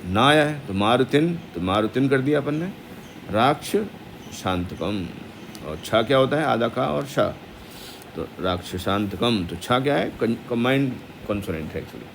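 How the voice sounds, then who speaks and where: Gravelly man teaching Sanskrit pronunciation. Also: mid-range voice, expressive, noisy background. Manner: explains quickly, then chants verses slowly. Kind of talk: recitation lesson, explaining pronunciation.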